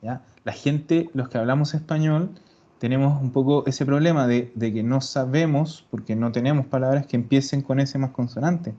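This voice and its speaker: Man, language teacher, online class, patient explaining, drawn-out example words, lo-fi sound. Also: mid-range voice, warm tone. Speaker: Italian teacher. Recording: dull lo-fi recording.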